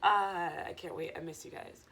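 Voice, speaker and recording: Casual female vlogger, low-pitched, loose rambling stoner delivery, noisy recording. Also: steady tone, moderate pace, fairly bright tone. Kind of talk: casual chat to viewers.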